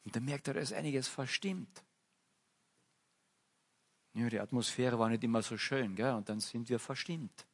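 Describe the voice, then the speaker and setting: A man preaches in a church, telling a parable in a conversational, illustrative way. His voice is somewhat husky, and his pitch sits in an ordinary middle range. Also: normal speed, pauses often. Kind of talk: sermon.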